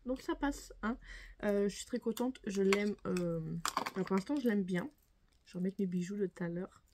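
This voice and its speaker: A woman's voice: mid-range voice, moderate pace, background noise. A young woman chatting casually to camera as a beauty vlogger, full of fillers and restarts. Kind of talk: casual makeup review to camera.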